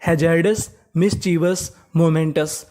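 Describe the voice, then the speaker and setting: Teacher drilling English spelling, mid-pitched. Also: steady tone, warm tone. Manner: asks questions of the viewer and answers them, drill style; slowly repeats each target word several times. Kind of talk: spoken lesson spelling out English words in Hindi.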